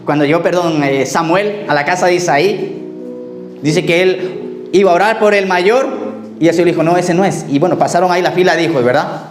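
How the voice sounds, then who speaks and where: A male pastor preaching a sermon and telling personal stories, acting out the dialogue and sometimes trailing off quietly. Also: sits high, fairly quick, reverberant, faint music behind. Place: church.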